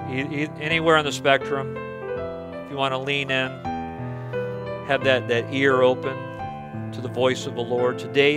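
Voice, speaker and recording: A male pastor speaks into a pulpit microphone in a church, earnest and pleading as he prays, often stumbling and repeating words. His voice sits at an ordinary middle pitch. Clear piano and guitar music plays softly behind him. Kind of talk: sermon and closing prayer. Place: church sanctuary.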